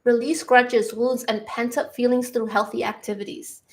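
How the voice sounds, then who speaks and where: A young woman giving a tarot reading, giddy and excitable, laughing at times and repeating key lines for emphasis. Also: fairly high pitch, moderate pace. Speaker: tarot reader. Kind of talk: collective tarot reading to camera.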